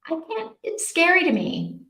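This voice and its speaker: A woman hosts a casual live reading-sprint stream, chatting informally and reading out and answering viewer comments as she goes. Her very high voice swoops wildly in pitch, with a sharp tone at normal speed. The sound is roomy and echoing.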